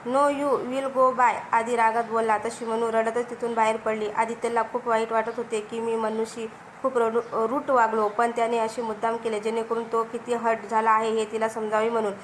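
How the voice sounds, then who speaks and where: A woman storyteller reading a romantic story with steady, emotive narration. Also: a little high, fairly quick, a little hiss or hum, rough recording.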